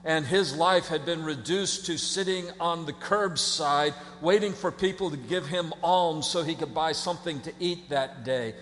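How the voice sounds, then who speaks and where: High-voiced preacher in a reverberant hall. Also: male voice, normal speed, hardly any pauses. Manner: dramatic, swinging between hushed and shouted. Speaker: pastor. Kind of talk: sermon.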